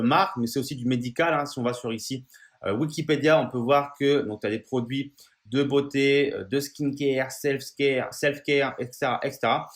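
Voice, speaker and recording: A man talking casually to his viewers about investing, informal and full of fillers and restarts. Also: medium pitch. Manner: addresses viewer familiarly. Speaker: finance YouTuber. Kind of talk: casual explainer video.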